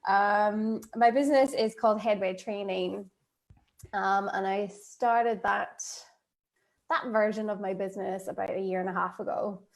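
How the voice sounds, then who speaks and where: A woman's voice: medium pitch, fairly even intonation, measured pace, vocal fry. Chatty woman on a video call. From Northern Ireland. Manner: chatty, laughs often, many fillers. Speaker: guest, life coach. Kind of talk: casual interview chat.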